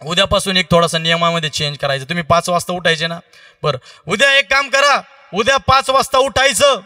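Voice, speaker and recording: A man voicing an old holy man who gives loud, emphatic instructions. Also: high-pitched, fairly quick, no room sound, studio quality, pitched above the performer's own voice. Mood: commanding. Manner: loud, emphatic, giving orders. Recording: distant mic with faint music.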